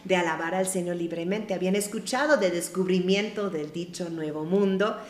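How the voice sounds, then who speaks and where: A woman's voice: lowish voice, normal speed, echoey room, a little hiss or hum. Chatty missionary woman from Michigan. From Michigan, United States. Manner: chatty, tags sentences with a questioning "no?". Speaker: missionary guest. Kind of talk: conversational storytelling.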